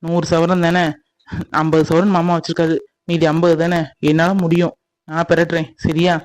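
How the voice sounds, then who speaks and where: Someone voicing a calm, protective young fiancé. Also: mid-range voice, moderate pace, dry recording, natural voice. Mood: soothing. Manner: soothing, teasing, steady reassurance. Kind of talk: cartoon voice acting.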